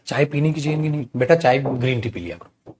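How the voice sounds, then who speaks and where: A male English teacher giving a live online grammar class, explaining with rhetorical questions, reading example sentences very slowly and calling the students beta. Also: medium pitch, background noise. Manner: addresses students affectionately as beta.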